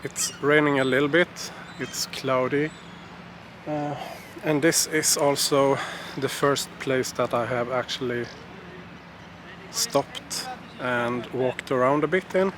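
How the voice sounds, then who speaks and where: A man giving a casual travel vlog update outdoors in a hesitant, halting way. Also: mid-range voice, fairly even intonation, noisy background. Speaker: travel vlogger.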